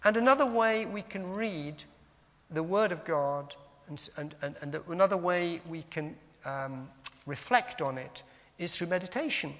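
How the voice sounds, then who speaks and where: A man's voice: a little high, moderate pace, fairly bright tone. A man preaching a conversational sermon in a church, wandering into asides and reading scripture aloud with stress on single words. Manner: conversational, digressive, reads scripture aloud with emphasis. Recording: long church reverb.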